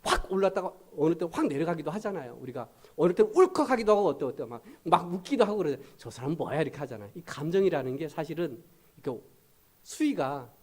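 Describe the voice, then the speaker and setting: A middle-aged male pastor giving a lively, conversational sermon and acting out little scenes to his congregation. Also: a little high, fast talker. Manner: lively, conversational preaching with acted-out asides.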